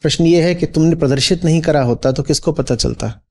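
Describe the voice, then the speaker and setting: A man's voice: on the high side, a little fast, warm tone. A man teaching as a spiritual teacher in a discourse, posing rhetorical questions and checking in with his listeners.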